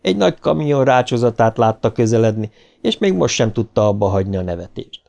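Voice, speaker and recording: A male narrator reading a novel in a steady, measured way, his voice in a plain middle pitch. He keeps the narration even and composed. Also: vocal fry. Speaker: audiobook narrator. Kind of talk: scripted narration.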